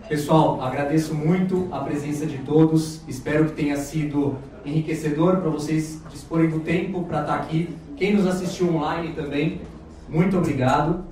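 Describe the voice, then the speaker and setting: A man with a slightly high voice hosts a live event and wraps it up with polite thanks, stumbling now and then. He is picked up from far off. The hall around him echoes heavily, with faint room ambience behind. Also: steady tone, mellow, a little hiss or hum. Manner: polite, thankful, a little halting. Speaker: event host. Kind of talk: closing remarks at a live event. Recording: very echoey hall, distant mic.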